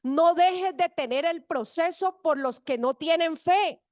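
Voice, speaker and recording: Woman pastor preaching, high voice, dry close sound, acts out the voices in her story. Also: slow, a little mellow, no room sound. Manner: retells a story, acting out its voices; asks the congregation to repeat after her. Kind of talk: sermon. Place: church.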